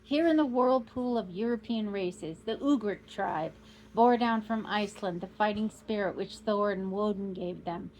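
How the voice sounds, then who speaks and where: A woman reading aloud as a proud, boastful old male count, declaiming grandly and rising to loud outbursts. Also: medium pitch, normal speed, a little hiss or hum, natural voice, low-quality recording.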